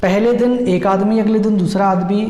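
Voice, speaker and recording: A man's voice: sits high, fairly even intonation, moderate pace, mellow. A man teaching an exam-prep maths lesson, explaining step by step and repeating key points while checking in with his students. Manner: repetitive step-by-step explaining, frequent check-ins. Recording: echoey room with long reverb.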